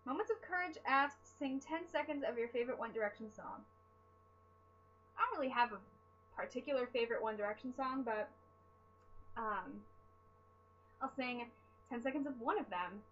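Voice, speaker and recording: A woman's voice: fairly high pitch, normal speed, long pauses, fairly bright tone, muffled recording. Chatty rambling young woman, tired. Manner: chatty, rambling, self-deprecating. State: sleep-deprived. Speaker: vlogger answering fan questions. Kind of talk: casual chat.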